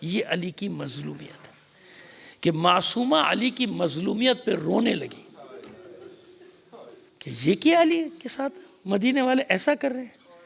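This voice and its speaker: A man with a Pakistani accent, a cleric giving a mourning sermon as dramatic storytelling that swings from loud cries to hushed whispers. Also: sits high, big pitch swings, creaky, pauses often. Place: large mosque hall. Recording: long reverb of a mosque hall.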